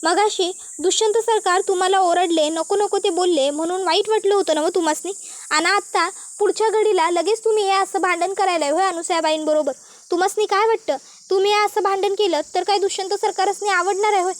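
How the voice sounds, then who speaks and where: Brief: woman voicing a pleading, reasoning young daughter-in-law, high-pitched. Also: steady tone, a little fast, dry recording.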